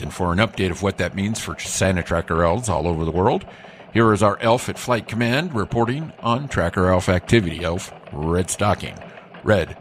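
A man's voice: deep voice, a little hiss or hum. A man playing an earnest Christmas elf who anchors a scripted mock radio newscast with formal courtesy. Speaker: news anchor.

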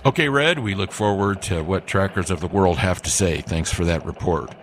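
A man's voice: low-pitched, normal speed, slight background noise, lightly acted. A man playing an earnest Christmas elf who anchors a scripted mock radio newscast with formal courtesy. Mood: courteous. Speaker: news anchor.

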